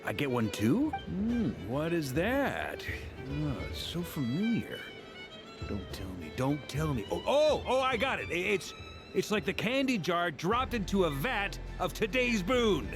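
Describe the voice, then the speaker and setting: Casting: dramatic, excitable young man for a game, fairly high and very animated. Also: full character voice. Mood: excited, theatrical. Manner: theatrical, exclamatory, halting. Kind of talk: video game character acting. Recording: music behind the voice.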